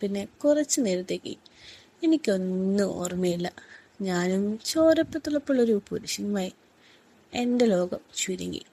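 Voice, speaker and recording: Mellow-voiced woman reading a story. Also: mid-range voice, lively intonation, moderate pace. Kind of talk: scripted first-person story reading.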